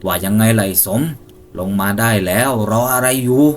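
A man voicing a ghostly impostor posing as a hunter's friend, speaking in a flat, even, unafraid voice in a spooky storytelling. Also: lowish voice, a little fast, lightly acted. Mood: commanding. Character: eerie impostor hunter, calm then menacing.

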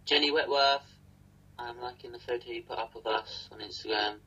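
A man's voice: medium pitch, fairly even intonation, normal speed, bright, forceful tone, breathy edge, lo-fi sound. A young man co-hosting a casual livestream from a small room, chatting and thanking viewers by name. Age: young adult. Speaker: livestream co-host. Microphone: webcam at desk.

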